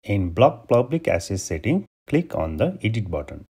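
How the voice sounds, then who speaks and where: Husky low-voiced man from Nepal. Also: moderate pace. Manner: steady step-by-step instructions. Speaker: tutorial host. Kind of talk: screen-recorded software tutorial.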